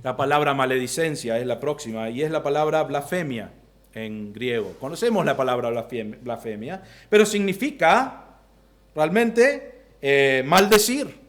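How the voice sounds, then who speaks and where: A man preaching an expository sermon from the pulpit in an Argentine Spanish accent, swinging from loud bursts to quiet low asides. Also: animated, measured pace. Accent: Rioplatense Spanish. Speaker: pastor.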